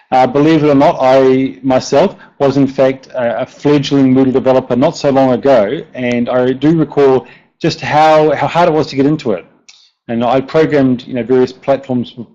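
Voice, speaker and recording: A man with a broad New Zealand accent gives an informal technical talk as a software developer, hesitating and repeating words often. His voice is mid-range and dark in tone. The online audio sounds dull and lo-fi.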